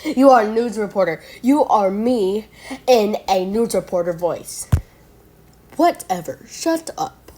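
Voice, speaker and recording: A woman's voice: mid-range voice, a little slow, a little mellow, a little hiss or hum. A woman giving casual reaction commentary, chatty and playful, who argues with herself and trips over long words. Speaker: video creator reacting to school myths.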